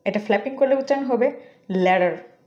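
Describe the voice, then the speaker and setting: A woman teaching English pronunciation on a video channel, explaining in Bengali with a Bangladeshi accent and slowly repeating English words and sentences. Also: a little high, highs cut off. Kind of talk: YouTube pronunciation lesson.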